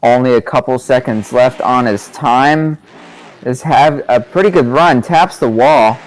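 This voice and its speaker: A man at an average pitch does laid-back color commentary on a monster truck event. He talks loosely, peppers his remarks with casual fillers, and hands out judge's scores. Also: a little slow. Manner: relaxed, easygoing, says "you know" often.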